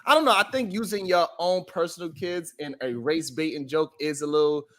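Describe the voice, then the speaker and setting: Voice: mid-range voice, fairly quick. A host giving casual live commentary, thinking aloud in a hesitant way.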